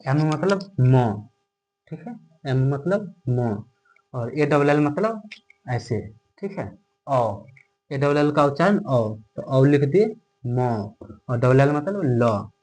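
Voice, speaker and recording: This one is poorly recorded: a slightly mellow, mid-range male voice walks viewers through English pronunciation one step at a time. Like a classroom lesson, he asks his own questions, supplies the answers, and keeps asking "okay?" to check in.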